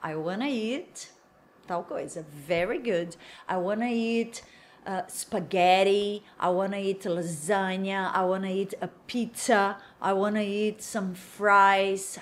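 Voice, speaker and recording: A young woman teaching an English lesson, with a Brazilian accent and Portuguese as her first language. She drags out the model phrases slowly and explains between them more quickly. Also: medium pitch.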